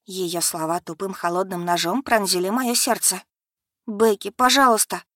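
A woman narrating a first-person novel in a measured, expressive reading. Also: fairly low pitch, no room sound, studio quality. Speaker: audiobook narrator.

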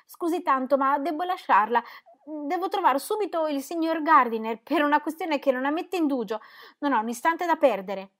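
A woman's voice: high-pitched, expressive, normal speed, fairly bright tone. A woman reading aloud and voicing a desperate young woman, her speech urgent and close to tears. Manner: urgent, breaking, tearful. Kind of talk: audiobook reading.

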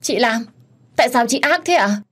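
A woman's voice: medium pitch, normal speed, darkish tone, natural voice. A woman voicing a whiny, tearful young pregnant woman who accuses and pleads. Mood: whiny, accusing.

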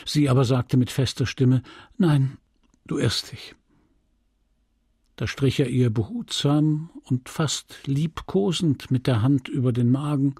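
Slow, husky male audiobook narrator. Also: mid-range voice, no echo, studio quality. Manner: measured, dramatic, hushed in grim passages. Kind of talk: literary audiobook reading.

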